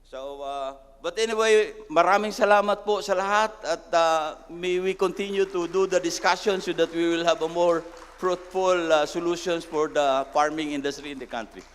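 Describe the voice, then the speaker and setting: Filipino man, high voice, halting conference talk, long hall echo. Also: fairly even intonation, clear, resonant tone. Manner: halting, many fillers, trails off quietly. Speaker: conference speaker, farmers' representative. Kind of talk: conference speech mixing English and Filipino.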